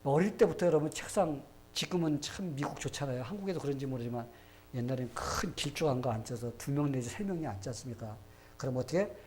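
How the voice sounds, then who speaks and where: A man's voice: mid-range voice, expressive, quick pace, a little mellow. A man from Korea preaching a sermon as pastor, asking rhetorical questions and acting out quoted people. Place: church sanctuary.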